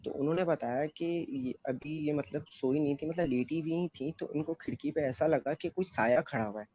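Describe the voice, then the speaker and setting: A man's voice: fairly high pitch, brisk, warm tone, a little hiss or hum. Man telling a story in a casual, rambling way. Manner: loose rambling retelling with many fillers. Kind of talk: casual first-person storytelling. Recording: dull, muffled, dry close mic.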